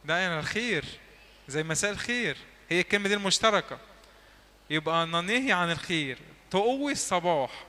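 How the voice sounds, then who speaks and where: A man with an Egyptian Arabic accent teaching a church class, quizzing the listeners and repeating words slowly so they echo them back. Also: sits high, expressive, sharp tone. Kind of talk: lively classroom teaching with drills. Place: church hall.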